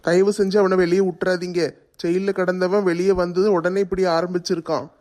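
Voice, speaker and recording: A man plays a worried village elder in a homemade skit. His voice sits high and barely moves in pitch, and he speaks insistently. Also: level tone, fairly quick, a little mellow. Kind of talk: family skit acting.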